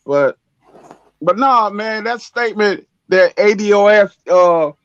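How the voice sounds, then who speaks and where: A man's voice: sits high, slow, a bit bright, clear, resonant tone, dry recording, dull audio. A man from Africa calling in to a live stream, laid-back and saying "man" a lot. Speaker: caller. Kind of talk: casual call-in chat. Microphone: cell phone call.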